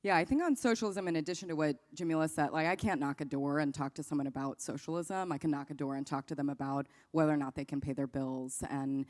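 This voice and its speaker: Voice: medium pitch, quick pace, few pauses, darkish tone. A panelist speaking candidly about organizing, with wry asides. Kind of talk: panel discussion.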